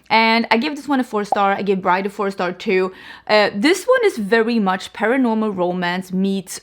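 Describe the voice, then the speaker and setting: This book reviewer is a young woman from Sweden whose first language is Swedish, speaking at a medium pitch. She talks casually to camera about books in a chatty way, leaning heavily on fillers and "like" and often restarting or correcting herself.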